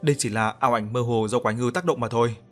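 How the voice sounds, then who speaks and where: A man doing a calm, firm elder uncle. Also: medium pitch, rapid-fire, faint music behind, lightly acted. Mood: reassuring. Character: calm older uncle, steady village elder.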